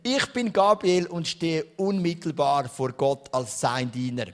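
A man with a Swiss German accent voicing a solemn male archangel messenger who proclaims slowly and loudly. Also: fairly high pitch, fairly even intonation. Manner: slow, loud, formal proclamation.

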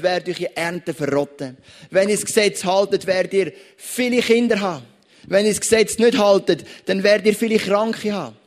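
A man with a Swiss German accent preaching a sermon, speaking conversationally and addressing the listeners directly. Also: a little high. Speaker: pastor.

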